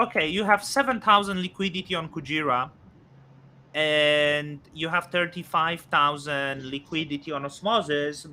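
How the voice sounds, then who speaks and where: Bright-voiced man in his thirties. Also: fairly high pitch. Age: 30s. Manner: halting, many fillers and restarts. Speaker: host. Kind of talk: casual crypto podcast chat.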